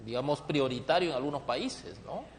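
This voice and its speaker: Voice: mid-range voice, lively intonation, moderate pace. TV interviewer asking leading questions. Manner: leading questions, frequent agreeing fillers. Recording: echoey space with faint noise.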